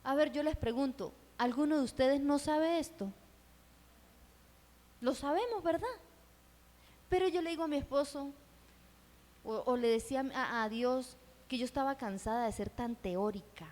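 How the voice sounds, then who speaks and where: A woman's voice: sits high, moderate pace, pauses often, darkish tone. A middle-aged woman and missionary giving an earnest testimony sermon in a church hall, asking her listeners rhetorical questions. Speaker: missionary speaker at a church event. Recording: reverberant hall.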